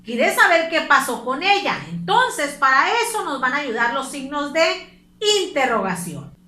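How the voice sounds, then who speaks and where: A high, bright female voice with a Mexican Spanish accent, patiently walking young pupils through a lesson one step at a time and stopping to check that they follow. The sound carries a noticeable room echo. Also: very animated, a little slow. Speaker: teacher. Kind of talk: recorded class lesson for children. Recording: echoey room.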